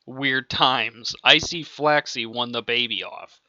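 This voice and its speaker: Taking it slowly, a man with a mid-range, pushed and bright voice and fairly even intonation narrates a story he's making up as an amateur audiobook. He rambles and chuckles between lines; the home recording is dull, lo-fi and dry, with no room sound.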